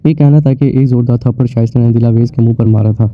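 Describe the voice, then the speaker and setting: A man narrating a dramatic story in an even, unhurried reading voice. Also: medium pitch, dry recording. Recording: tinny phone-like, dry sound.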